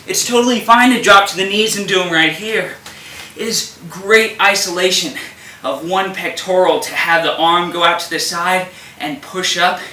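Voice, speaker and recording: A man's voice: sits high, sharp tone, a little hiss or hum. A man demonstrating core-wheel exercises as a fitness instructor, talking through each move and sounding strained while he works. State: effortful, straining. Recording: echoey room from a distance.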